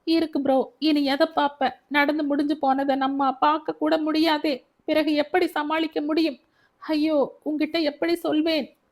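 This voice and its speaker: A woman's voice: high voice, steady tone, normal speed, darkish tone, voice pushed up, natural voice. A woman voicing a grief-stricken young man who weeps as he tells his older brother bad news. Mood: grieving, tearful. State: crying.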